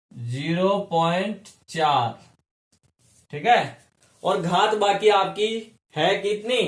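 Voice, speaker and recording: A male chemistry teacher giving a classroom lesson, explaining step by step and often asking his students questions. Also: high voice. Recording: echoey room.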